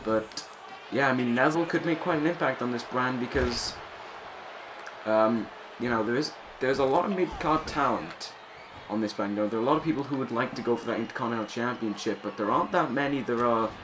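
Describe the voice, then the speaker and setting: A man's voice: mid-range voice, a little fast, noisy background. A man doing wrestling commentary on a video game in a conversational, self-correcting way.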